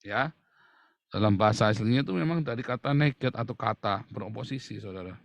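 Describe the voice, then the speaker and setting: A man's voice: on the low side, brisk, dry recording. A middle-aged man preaching a sermon to his congregation, acting out playful mock quotes as he goes. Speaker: pastor.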